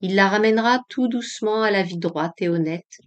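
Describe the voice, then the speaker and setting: Woman reading a diary in measured tones. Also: mid-range voice. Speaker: audiobook reader.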